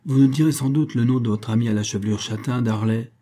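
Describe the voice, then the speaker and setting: A man reading an audiobook, voicing a sneering gentleman at a club who mocks a newcomer. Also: mid-range voice, quick pace, natural voice. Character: mocking male clubman eating cheese toast.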